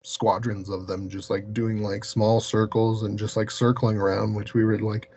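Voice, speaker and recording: A man being interviewed wanders through casual stories, dropping "like" constantly. His voice is on the low side and a little mellow, delivered flatly at a normal pace. Hum and hiss run through the muffled, lo-fi sound.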